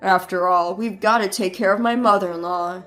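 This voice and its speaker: A woman voicing a stern husband who talks in a blunt, scolding way, pitched a little lower than her own voice, over faint background music. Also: steady tone, moderate pace, fairly bright tone, lightly acted. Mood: dismissive. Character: grown man, husband, stern and accusing.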